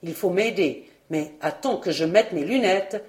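A woman's voice: fairly low pitch, a little slow, darkish tone, echoey room, close to an everyday voice. A woman voicing a stern, commanding old fairy aunt who scolds and barks orders.

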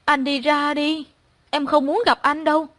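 A woman voicing a distraught young woman who shouts and cries, hiding her scarred face. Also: moderate pace. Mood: tearful. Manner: shrill and shouting. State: crying.

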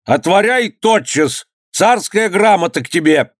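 A man voicing a furious, pompous old provincial governor who shrieks in a high, drawn-out voice. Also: animated, no room sound, clean studio sound. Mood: enraged.

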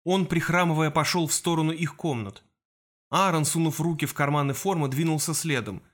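A man narrates a fantasy novel in a measured, expressive reading voice. His pitch sits somewhat above the usual male range. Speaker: audiobook narrator. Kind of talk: scripted narration.

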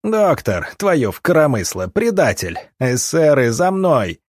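A man's voice: on the high side, very animated, unhurried, no echo, studio quality, pitched above the performer's own voice. Guy voicing a furious wounded rebel boss, snarling orders, storybook reading. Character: ranting wounded revolutionary ringleader, man.

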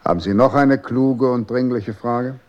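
An actor playing a cold, condescending official in a 1960s radio drama, calm and authoritative. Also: male voice, mid-range voice, a little slow, dull audio, close to an everyday voice.

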